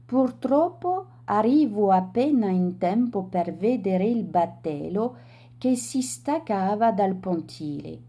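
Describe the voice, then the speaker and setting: A woman reading a children's story aloud in a slow, deliberate storytelling manner. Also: medium pitch, animated, mellow.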